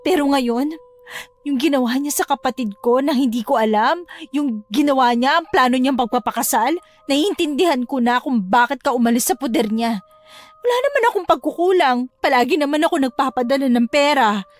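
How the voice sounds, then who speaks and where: A woman's voice: high voice, animated, fairly quick. A woman playing a desperate young sister. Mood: earnest. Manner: earnest, pleading. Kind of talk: radio drama acting.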